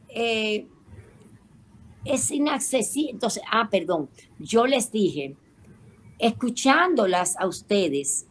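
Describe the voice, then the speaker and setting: Middle-aged woman, radio co-host, emotive storytelling, unhurried delivery. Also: medium pitch. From Caribbean. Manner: emotive storyteller acting out quoted voices.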